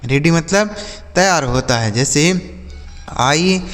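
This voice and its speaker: Man teaching words slowly, reverberant room. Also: fairly high pitch, expressive, fairly bright tone, soft background music. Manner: spells words letter by letter, repeats each example slowly. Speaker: English teacher. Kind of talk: vocabulary lesson for children.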